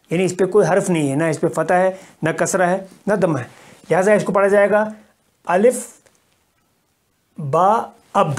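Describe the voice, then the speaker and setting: A man from Kashmir teaching an Arabic lesson. He explains patiently, repeats points often, and draws out the example syllables. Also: sits high. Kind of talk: recorded language lesson.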